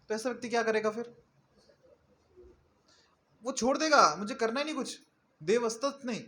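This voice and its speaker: A man's voice: high voice, fairly bright tone. A male preacher giving a sermon in a conversational manner, often asking his listeners questions. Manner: conversational, asks the audience questions.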